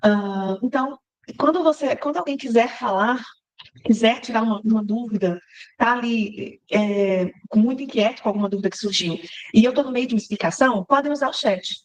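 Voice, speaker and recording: A woman, teaching a live online class. She talks quickly and keeps up a chatty, encouraging flow, often checking in with her listeners through a video-call microphone. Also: on the high side. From Minas Gerais, Brazil. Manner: chatty and encouraging, with frequent tag questions to the class. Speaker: workshop instructor and cultural producer.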